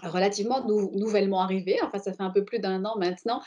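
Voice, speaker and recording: A woman in her forties with a Belgian French accent speaks on a video call from a room at home. She talks fluently and warmly, with small fillers here and there. Her pitch sits in a middle range. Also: fairly even intonation, fast talker, muffled recording. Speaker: professor. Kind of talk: online panel introduction. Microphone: laptop webcam mic, video call.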